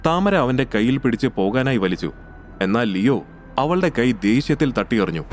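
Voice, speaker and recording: Brief: male storyteller, even and measured, mid-range voice. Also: mid-range voice, soft background music. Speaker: narrator. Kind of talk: scripted audiobook narration.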